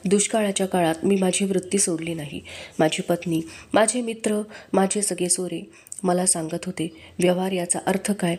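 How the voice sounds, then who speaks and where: A woman reading the part of a gentle, trusting male saint in a storybook reading, in an earnest, pleading tone. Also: fairly low pitch, steady tone, normal speed, breathy edge. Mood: pained earnest. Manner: earnest, pleading prayer to God.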